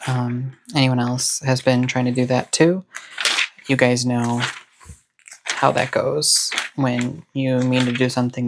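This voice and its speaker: The host of a planner and stationery channel chats casually to camera in a cozy hobby vlog. Their medium-pitched voice is soothing, and their manner is chill, rambling, and encouraging. There's background noise in the recording.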